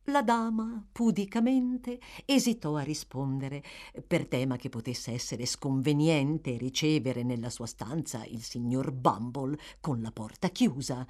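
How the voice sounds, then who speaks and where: A woman's voice: low voice, darkish tone. A woman narrating a classic novel aloud as an audiobook reader, with dramatic phrasing that lingers on words.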